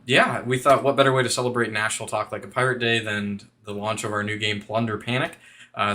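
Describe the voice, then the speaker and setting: A man's voice: fairly low pitch, pushed and bright. A man hosting a game launch livestream, talking casually over voice chat with many fillers. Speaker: game studio host.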